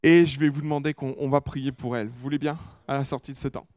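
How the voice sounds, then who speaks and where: A male pastor greeting a church congregation and making announcements, warm and hesitant with many fillers and restarts. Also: mid-range voice, steady tone, fast talker, dry recording. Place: church hall.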